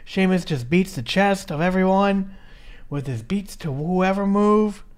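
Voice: mid-range voice, a little slow. A podcast co-host recapping a match in a chatty, casual way, swearing now and then and reading from notes.

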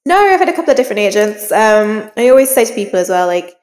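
This woman's mid-range, slightly mellow voice has a sing-song lilt and a quick pace. An author appearing as an interview guest, she speaks candidly and casually, reflecting aloud, in a room with long reverberation.

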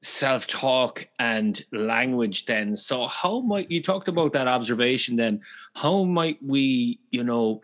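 Podcast host: male, west of Ireland accent, mid-pitched voice, informal interviewing with roundabout questions. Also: lively intonation, takes it slowly, a bit bright. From Galway, west of Ireland. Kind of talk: conversational interviewing.

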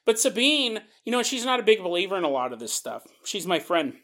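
A man's voice: sits high, sing-song, a little fast, sharp tone. A man hosting a podcast, rambling through a comic monologue and often laughing mid-sentence. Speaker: podcast host.

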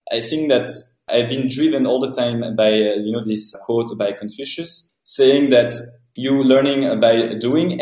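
A startup founder with a French accent answers podcast interview questions earnestly, in long, winding sentences. His voice is medium in pitch with a darkish tone, and the recording has a roomy echo.

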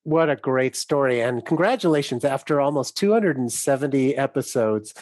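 A man's voice: mid-range voice, expressive, normal speed, darkish tone, no echo. A man hosting a podcast, an upbeat and appreciative interviewer asking his guest questions. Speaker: podcast host. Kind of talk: casual interview talk.

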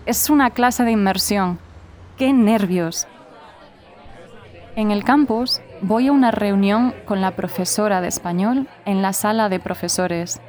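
A woman's voice: medium pitch, darkish tone, a faint crowd. A woman in her twenties from Spain with a Spanish-from-Spain accent, narrating a scripted learner story as a new teacher. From Spain (Galicia). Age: 20s. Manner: slow, clear, carefully spoken.

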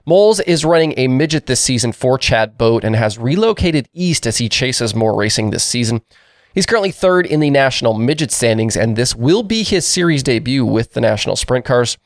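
A man with a congested voice hosting a daily racing news show, delivering items in a brisk, informal way on a new microphone. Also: mid-range voice, animated, dry recording, clean studio sound. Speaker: host.

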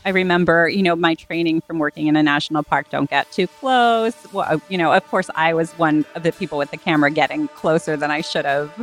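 Hesitant man recalling, slightly high. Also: steady tone, fast talker, hardly any pauses, a bit bright, soft background music. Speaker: interviewee. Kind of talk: casual recollection.

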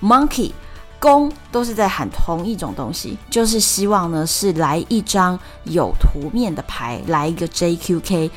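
A woman podcast host with a Taiwanese Mandarin accent tells a story in a relaxed, chatty way. Her voice sits a little low, and she explains each point patiently, stretching out her sentence particles. Soft music plays faintly underneath. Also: moderate pace, few pauses.

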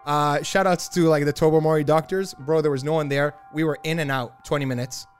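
A man's voice: a little high, steady tone, fairly quick, faint music behind. A man co-hosting a podcast, telling a story in loose slang and laughing often. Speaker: podcast co-host. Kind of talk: casual chat.

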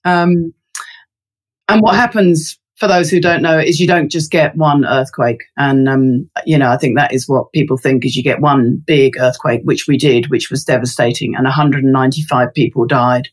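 With a rumbling low voice at a normal pace and a steady tone, a London woman speaks as a guest in a casual interview about her resilience research. She's thoughtful and chatty, filling her speech with ums.

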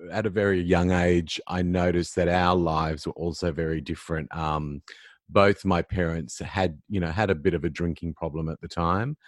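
A male podcast host with a very deep voice and a dry, close sound. He is effusive and affirming with his guest, asking questions between warm reactions. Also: fairly even intonation, moderate pace, no echo. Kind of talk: interview.

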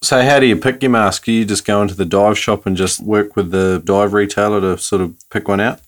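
A man's voice: on the low side, fairly even intonation, a little fast. A man hosting a podcast, chatting casually with a guest and listeners. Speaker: podcast host. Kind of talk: casual interview chat.

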